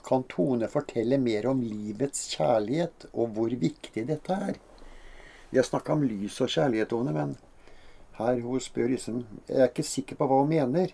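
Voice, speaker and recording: A woman hosting a casual podcast, her voice darker and mellow. She murmurs agreement often and muses aloud in a hesitant way, with plenty of fillers. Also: extremely low pitch, gravelly, slightly rough. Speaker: podcast host who reads listener questions.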